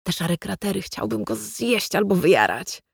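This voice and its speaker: A woman reading the lines of an enthusiastic, explaining husband in a literary audiobook, with a dry, gravelly voice. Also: mid-range voice, lively intonation, normal speed, no room sound, full character voice. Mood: eager. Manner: eager, explaining. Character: enthusiastic stargazing husband, adult man. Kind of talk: read-aloud literary fiction.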